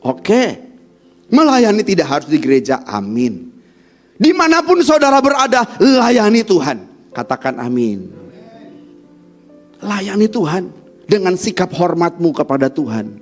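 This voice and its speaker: A man preaching a church sermon, swinging from shouting to near-whispers and calling the congregation to answer amen. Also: high voice, wildly swooping pitch, measured pace, long pauses, soft background music. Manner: asks the congregation questions and calls for amens. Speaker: pastor. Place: church during a Sunday service.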